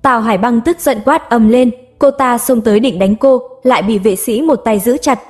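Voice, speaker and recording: Lady reading a romance story, steady voice, a bit high, quiet music behind. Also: moderate pace. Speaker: audiobook narrator. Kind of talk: scripted narration of a romance novel. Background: soft background music.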